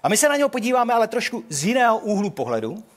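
In a hall, a high-pitched older man preaches a sermon, telling the story animatedly and acting out the quotes.

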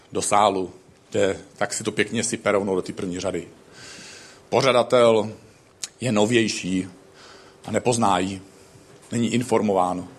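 A man's voice: on the low side, a little hiss or hum. A man preaching a sermon, telling stories with acted-out quotes. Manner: animated storytelling with acted quotes.

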